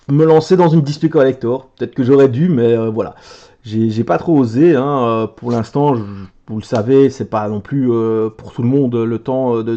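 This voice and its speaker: A man chatting casually as he opens card packs for his video, letting out excited exclamations over each card. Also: mid-range voice, lo-fi sound. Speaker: card game video creator. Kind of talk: casual card pack opening commentary.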